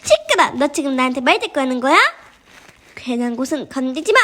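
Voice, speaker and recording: A woman voicing a shrill, domineering female thief leader in a storybook reading. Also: brisk, close to an everyday voice. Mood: furious. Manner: snapping, domineering.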